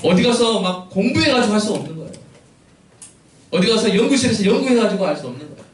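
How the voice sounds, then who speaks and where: A man preaching a sermon as pastor, his fairly high voice carrying through a reverberant church sanctuary. He keeps asking the congregation questions and answering them himself. The sound is picked up from some way off, with faint room ambience behind him. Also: animated, quick pace, recorded from a distance. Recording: echoey church hall, mic from afar.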